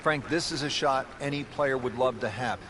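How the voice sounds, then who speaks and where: A man's voice: medium pitch, normal speed, crowd noise, noisy background, close to an everyday voice. A man playing a golf commentator, a polished, upbeat lead announcer calling the play and prompting his partner. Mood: upbeat, presenting. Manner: golf commentator phrasing, setting up questions for a partner.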